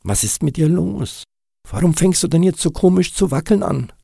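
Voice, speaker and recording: A man's voice: lowish voice, sing-song, unhurried, warm tone, breathy edge, no room sound, clean studio sound, pitched above the performer's own voice, heavily acted. A man voicing a teasing, easygoing snowman friend who jokes and reassures as he reads a storybook aloud. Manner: jokey and reassuring. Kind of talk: storybook reading.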